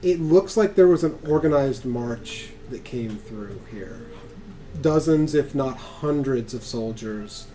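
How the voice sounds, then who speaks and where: A man's voice: mid-range voice, expressive, slow pace, mellow, a little hiss or hum. A man narrating as game master of a tabletop game, chatty and laughing often, with many restarts.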